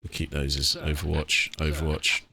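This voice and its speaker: Game music, artillery and vehicle noises run behind a British host's casual let's play of a strategy game as he thinks aloud. He speaks at a normal speed in an extremely low, monotone voice that is gravelly, pushed and bright. A little hiss or hum is present.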